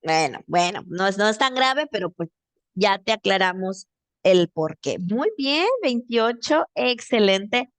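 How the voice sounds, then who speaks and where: A woman's voice: mid-range voice, lively intonation, a little slow, a bit bright, dry recording. A woman teacher with a Mexican accent giving a grammar lesson over a video call, explaining patiently step by step and checking in with her student.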